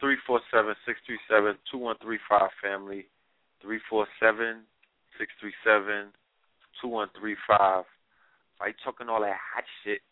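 A man's voice: lowish voice, flat delivery, normal speed, dry recording. A man hosting an internet radio show in a laid-back way, using slang while steering to the next segment. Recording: phone-like lo-fi audio.

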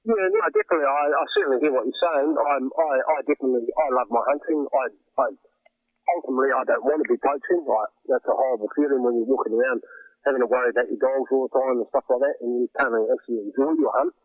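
A New Zealand man with a disguised voice, talking haltingly as an anonymous guest in a phone interview. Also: mid-range voice, husky, no echo. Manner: halting, hesitant, many restarts. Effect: voice disguised to hide identity. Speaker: anonymous interview guest, dairy farmer and pig hunter. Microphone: telephone. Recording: dry tinny phone line.

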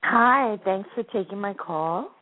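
A woman's voice: medium pitch, expressive, slow pace. A woman phoning in to a radio show, giving brief, hesitant answers over a fuzzy line. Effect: phone call into a radio show. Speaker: caller. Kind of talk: call-in radio chat. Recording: fuzzy, tinny phone line.

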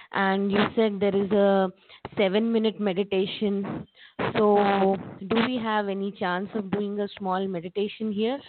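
A woman's voice: medium pitch, noisy background. A woman hosting an interview and putting questions to a guest. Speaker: interviewer, show host. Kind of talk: interview talk. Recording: thin, phone-like narrow band.

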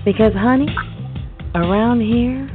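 A woman's voice: fairly high pitch, takes it slowly. An American woman delivering a sassy, teasing promotional intro for a radio show. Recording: tinny phone-like band over loud music. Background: music.

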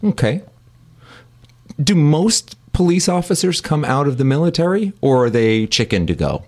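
A man's voice: on the high side, big pitch swings, moderate pace. A man who hosts a comedy podcast and works as a voice actor, asking questions in a playful, teasing, flirty way.

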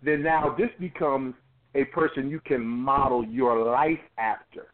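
A man's voice: medium pitch, fairly even intonation, unhurried. A man in his forties, a pastor being interviewed, talking emphatically and often repeating words as he builds a point. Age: 40s. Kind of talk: conversational interview. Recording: tinny phone-line audio.

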